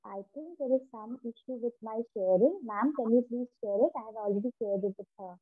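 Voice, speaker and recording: A woman's voice: fairly high pitch, a little fast, no echo. A woman from India with an Indian English accent, a school educator speaking hesitantly as a guest on an online panel. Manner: hesitant, with frequent "uh". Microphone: video call. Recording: tinny phone-like call audio.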